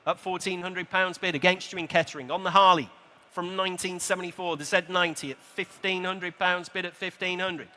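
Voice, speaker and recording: Casting: British man as live auctioneer and bid caller, high-pitched, forceful, courteous and jokey between repeated prices. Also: steady tone, brisk. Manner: chatty, jokey asides to bidders; polite, courteous address to bidders. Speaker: auctioneer calling bids. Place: large indoor auction hall at a motor show. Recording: PA voice in large reverberant hall.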